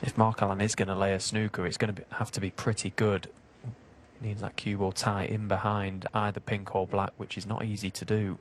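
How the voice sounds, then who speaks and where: A man giving hushed, measured snooker commentary in an analytical, unhurried, low-key way. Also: level tone. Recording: broadcast with clear background noise.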